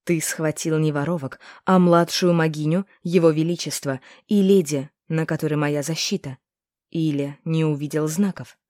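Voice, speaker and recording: A woman voicing a male inquisitor who speaks quietly, softly and coldly, in an audiobook. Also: sits low, steady tone, moderate pace, dry recording, studio quality, close to an everyday voice. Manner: quiet, soft and cold.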